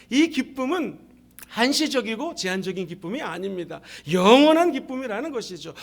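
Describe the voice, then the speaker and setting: Middle-aged male guest pastor, very high voice, animated and playful, pulls in the congregation. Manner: animated, jokey, calls for audience response. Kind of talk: lively sermon. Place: university church service.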